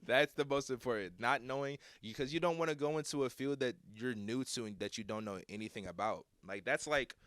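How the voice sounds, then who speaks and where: A man's voice: mid-range voice, a little fast, hardly any pauses, fairly bright tone, no echo, studio quality. A young man, a guest rapper, giving earnest advice on a casual podcast, emphatic and full of "like" and repeated words.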